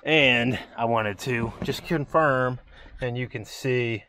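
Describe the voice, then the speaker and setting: A man's voice: medium pitch, takes it slowly, bright, forceful tone, a little hiss or hum. A man narrating a casual vlog in a garage, thinking aloud as he explains a car problem with frequent "um" fillers. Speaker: car shop owner and vlogger. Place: auto garage.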